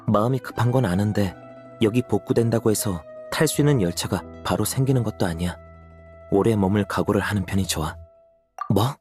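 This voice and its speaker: An actor playing a steady young male hunter in a video game, calm, cautious and matter-of-fact. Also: on the low side, close to an everyday voice. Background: game music.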